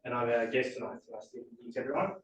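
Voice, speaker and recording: A man, a guest, introducing himself in a relaxed, brief way. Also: medium pitch, racing, dull audio, heavy background noise. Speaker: club guest. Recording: very echoey room from far off.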